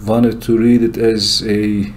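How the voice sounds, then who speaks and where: A man from Turkey with a Turkish accent gives a solo commentary monologue in English, explaining his points earnestly and deliberately. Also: on the low side, little pitch movement, a little mellow, slight background noise. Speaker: channel host.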